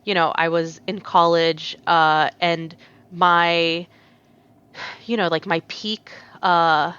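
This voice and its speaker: Taking her time, a young adult woman with a lowish, steady, smooth voice that's a bit bright tells stories as a casual podcast guest, laughing often amid many fillers and restarts. She's a tatreez artist from the United States whose first language is Arabic, and the sound is lo-fi.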